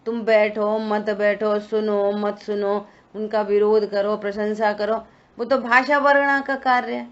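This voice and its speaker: A woman's voice: medium pitch, level tone, unhurried. A woman teaching a scripture study session, explaining points and answering her own questions. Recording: dull lo-fi recording.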